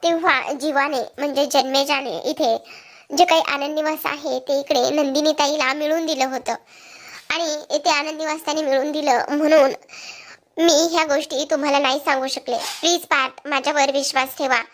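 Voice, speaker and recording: A woman's voice: high-pitched, steady tone, normal speed, close to an everyday voice. A woman voicing a young wife who pleads and apologizes to her husband. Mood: pleading.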